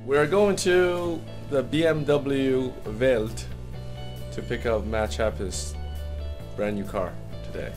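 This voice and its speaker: A man's voice: mid-range voice, takes it slowly, over music. A man chatting and joking as he narrates a road trip vlog to an action camera, inside a car and out. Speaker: vlogger. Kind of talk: casual travel vlog chat. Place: car interior and outdoors on the go.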